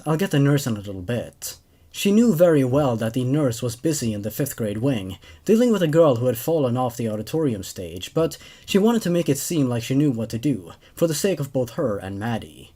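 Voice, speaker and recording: A man in his twenties hosts and reviews horror stories, reading them aloud and adding his own commentary. His voice is medium-pitched and mellow. He records in a small, dark indoor room using a desk microphone on a boom arm.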